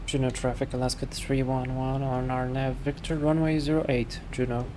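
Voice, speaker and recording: Man making crisp pilot cockpit callouts. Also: mid-range voice, level tone, normal speed, background noise. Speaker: sim pilot flying online. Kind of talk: pilot radio calls and checklist callouts. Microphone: headset.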